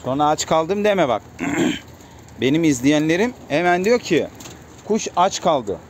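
Speaking slowly but with lots of animation, this fairly high-pitched man keeps calling his birds at the coop while casually vlogging to his audience. Cooing pigeons and slight noise fill the background.

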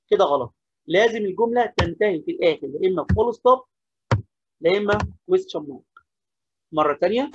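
A man's voice: high voice, lo-fi sound, background noise. A man with an Egyptian accent teaching an English lesson, repeating key points and asking questions, then answering them himself. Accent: Egyptian Arabic. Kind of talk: classroom-style lesson explaining grammar.

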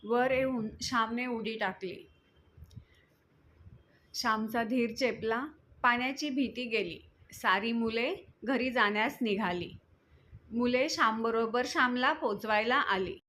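A woman reading a moral story aloud in a measured, steady storytelling voice. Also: a little high, slight background noise.

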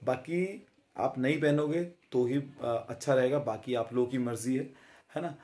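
A man in his thirties, a fitness vlogger, gives a chatty fitness talk to camera in a medium-pitched, dark-toned voice. He's casual and friendly, often pausing with filler sounds and tag questions. He's recorded on a phone held close in a small, compact room.

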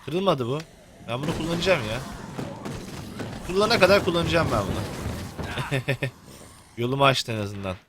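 A man's voice: medium pitch, animated, normal speed, pauses often, background noise. A young man commenting on a video game while he plays, joking and cursing at the characters. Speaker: gameplay commentator. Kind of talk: let's play commentary.

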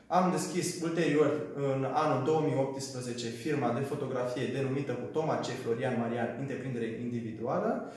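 A man's voice: medium pitch, a little mellow. Guy in his twenties, small business owner, earnest, lots of ums, super echoey room. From Romania. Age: 20s. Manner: earnest, hesitant with frequent fillers. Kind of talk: testimonial for a training video.

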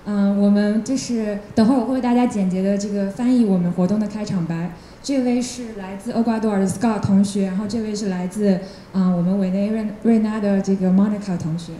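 Dark-voiced woman interpreting live. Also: medium pitch, fairly even intonation, fast, few pauses, slight background noise. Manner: hesitant, with fillers. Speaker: assistant educator and interpreter. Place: large event hall. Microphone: handheld microphone. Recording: echoey hall with handheld mic.

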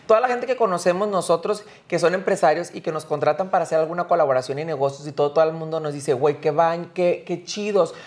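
Un hombre joven con acento mexicano, conductor de pódcast, que platica de forma expresiva, teatral y con muchas groserías. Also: male voice, fairly high pitch, rapid-fire, few pauses. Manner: campy, expressive, swears freely. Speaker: podcast host. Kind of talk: casual chat.

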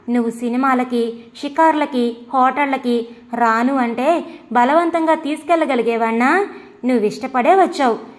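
A woman's voice: sits high, close to an everyday voice. A woman voicing a glib, dismissive young male student who lectures and talks down.

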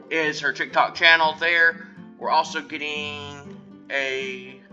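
A man hosting a gaming video, talking in a relaxed way with plenty of fillers. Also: on the high side. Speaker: host of a gaming channel. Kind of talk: casual gameplay chat. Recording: dull lo-fi sound, faint music.

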